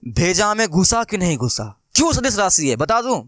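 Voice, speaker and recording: A man's voice: high-pitched, very animated, normal speed, a bit bright, dry recording, studio quality. A young man teaching math in a casual classroom style, chatty and playful, who keeps asking questions and answering them himself. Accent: Bihari Hindi. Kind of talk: casual classroom lesson explaining with everyday examples.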